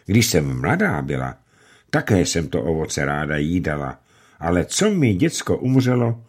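A man voicing a kindly old peasant grandmother who talks in a homely, gently scolding way. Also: low-pitched, big pitch swings, breathy edge, heavily acted. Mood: homely, gentle.

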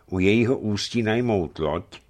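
A man reading a story and voicing a serious, thoughtful leader who speaks slowly and earnestly to his companions. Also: on the low side, darkish tone, pitched above the performer's own voice, lightly acted. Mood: earnest, cautious. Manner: slow, deliberate, earnest. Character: grave, thoughtful Russian male leader, middle-aged.

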